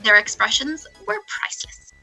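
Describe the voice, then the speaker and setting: Female co-host, blunt and sweary, high and piercingly bright voice, faint music bed. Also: big pitch swings, normal speed, vocal fry, husky. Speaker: co-host reading stories. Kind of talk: casual chat, reading aloud.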